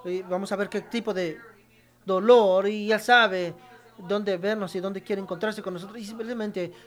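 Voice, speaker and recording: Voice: mid-range voice, fairly even intonation, moderate pace. A preacher giving a sermon, reading Bible verses and repeating key phrases for emphasis while speaking straight to the congregation. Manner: addresses the congregation directly.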